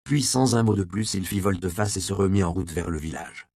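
A man reading a novel aloud as the narrator, in a measured storytelling manner. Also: deep voice, creaky, a little mellow, no room sound, studio quality. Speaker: audiobook narrator. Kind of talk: scripted narration.

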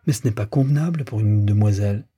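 A man's voice: on the low side, quick pace, dark tone, slightly rough. A man voicing a fretful, grumbling old woman servant in an audiobook reading. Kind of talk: audiobook character voice.

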